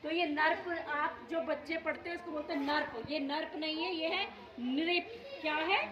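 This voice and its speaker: Brief: high-pitched female teacher, questioning and correcting pupils, dull roomy classroom sound with children around. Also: steady tone, a little fast, crowd noise. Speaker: primary school teacher. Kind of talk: classroom Hindi lesson.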